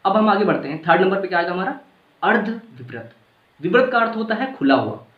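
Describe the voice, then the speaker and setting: Animated and fairly quick, a teacher whose voice sits high runs a relaxed grammar lesson, pronouncing vowels out loud, repeating himself and confirming the class keeps up. The sound is muffled and low-fidelity, with echo from the room.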